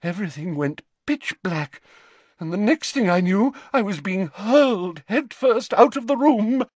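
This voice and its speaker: A man doing Professor Trelawney, a high-voiced theatrical seer. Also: lively intonation, unhurried, darkish tone, no room sound. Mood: haughty mystic. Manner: theatrical, mystical, swooping high and wavering. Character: eccentric haughty middle-aged woman seer, dramatic.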